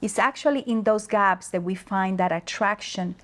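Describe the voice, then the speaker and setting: In an interview conversation, a native Spanish speaker from the Dominican Republic appears as a guest discussing leadership. Her medium-pitched voice moves slowly and thoughtfully, with pauses and fillers.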